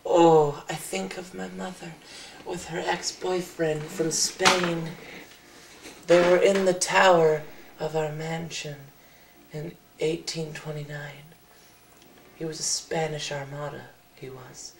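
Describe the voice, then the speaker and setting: A man's voice: on the high side, flat delivery, takes it slowly, creaky, echoey room, a little hiss or hum. A man playing a shaky, disturbed patient in a comedy sketch, with a quavering, giggly voice that drops to whispers and rises to wails. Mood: hushed. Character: shaky disturbed man confessing odd flaws. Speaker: therapy patient.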